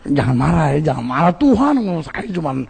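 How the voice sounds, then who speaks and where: A man's voice: fairly high pitch, big pitch swings, brisk, vocal fry, a little mellow, slightly rough, pitched below the performer's own voice, exaggerated voice. A man doing a meek, apologetic preacher. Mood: pleading. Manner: meek, pleading. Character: timid, apologetic male preacher, fearful of a king.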